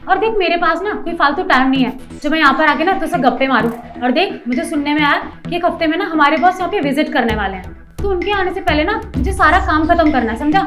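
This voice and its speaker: Lady doing a snooty high-voiced office manager, bossy and scolding. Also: animated, fast talker, a bit bright, soft background music. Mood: scornful. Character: rude, haughty woman office manager. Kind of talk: short skit acting.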